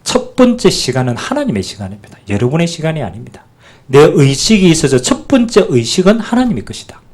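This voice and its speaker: A man pastor preaching a sermon, animated and calling out to the congregation for amen. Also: fairly high pitch, fairly quick.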